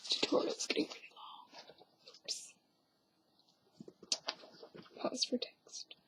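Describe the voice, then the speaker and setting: A woman's voice: takes it slowly, fairly bright tone, rough recording. A young woman whispering through a hands-on craft tutorial at home, with offhand, self-mocking asides. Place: at home, quiet indoors.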